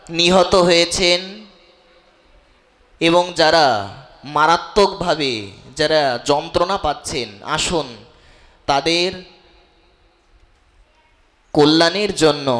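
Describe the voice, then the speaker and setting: Slow, high-voiced preacher. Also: male voice, fairly bright tone. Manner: slow, impassioned, leads chanting. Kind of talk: devotional sermon.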